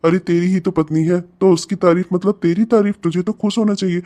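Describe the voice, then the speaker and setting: A man's voice: high voice, steady tone, fairly quick, warm tone, lightly acted. A man voicing an easygoing young friend in a cartoon, casually talking sense into his buddy. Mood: coaxing. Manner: casual, coaxing, reasonable. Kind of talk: cartoon voice acting.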